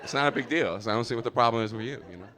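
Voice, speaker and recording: A young American man doing a stand-up comedy set on stage, loud and swearing, his voice jumping high on punchlines. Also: rapid-fire. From United States. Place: comedy theater with a live audience.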